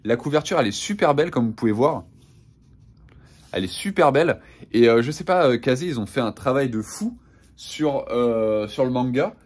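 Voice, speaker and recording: A man's voice: medium pitch, animated, moderate pace, a little mellow. A young man, casually showing off his latest manga purchases with lots of enthusiasm and filler words. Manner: enthusiastic, slangy, many fillers. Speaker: manga vlogger. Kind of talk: casual haul review.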